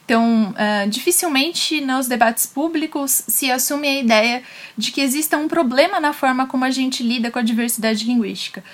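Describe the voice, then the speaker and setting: A woman's voice: high-pitched, normal speed. A woman with a Brazilian accent giving an explanatory academic talk. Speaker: panel speaker on linguistics.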